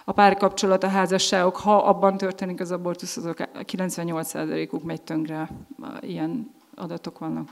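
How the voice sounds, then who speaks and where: Earnest low-voiced woman in a hall. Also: level tone, gravelly. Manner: earnest, with frequent hesitations and restarts. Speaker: speaker giving a personal testimony. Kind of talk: personal testimony talk.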